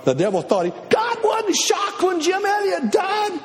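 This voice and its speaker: High-pitched, lively male preacher in an echoey hall. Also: measured pace. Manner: animated, shouting bursts, acts out voices. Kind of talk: sermon.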